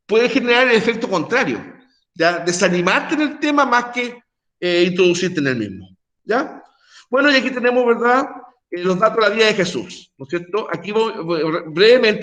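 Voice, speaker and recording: A man's voice: high-pitched, a bit bright. A middle-aged male teacher giving a conversational online class lecture, full of tag questions and restarts. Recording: echoey room.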